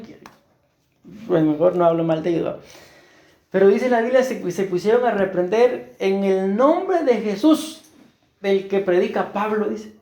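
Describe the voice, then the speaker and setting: Costa Rican male pastor, mellow tone, preaching with roomy church echo. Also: sits high. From Costa Rica. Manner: earnest, asks the congregation rhetorical questions. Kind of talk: sermon. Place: church hall.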